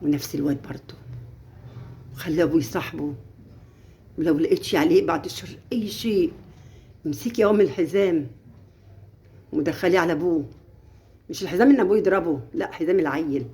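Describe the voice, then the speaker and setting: A woman's voice: lowish voice, brisk, long pauses, mellow. A middle-aged woman with an Egyptian accent, giving earnest, lecturing advice as a mother in a casual livestream, and acting out the lines of others. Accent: Egyptian Arabic. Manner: earnest, lecturing, acts out quotes.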